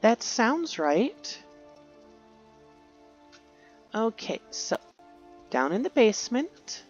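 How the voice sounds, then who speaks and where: A woman's voice: fairly high pitch, big pitch swings, takes it slowly, muffled recording, soft background music. A woman giving casual, rambling commentary while playing a video game, musing aloud and correcting herself. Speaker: gaming youtuber.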